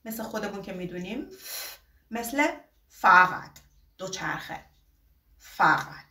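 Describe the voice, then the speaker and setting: A woman teaching a beginner alphabet lesson, stretching out each example word slowly between quicker asides. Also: medium pitch, lively intonation, pushed and bright. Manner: slow, drawn-out example words, quick asides. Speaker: German teacher. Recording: roomy echo, distant from mic.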